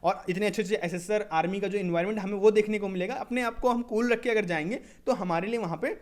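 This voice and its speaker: A young man teaching candidates in a casual lesson on a basic microphone, saying "ठीक है?" after nearly every phrase and reading English headings slowly before he explains them. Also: sits high. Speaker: SSB coaching presenter.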